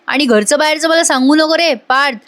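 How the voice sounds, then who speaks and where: A woman's voice: sits high, fairly quick, fairly bright tone, voice pushed up. Woman reading a pushy young fiancé. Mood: insistent.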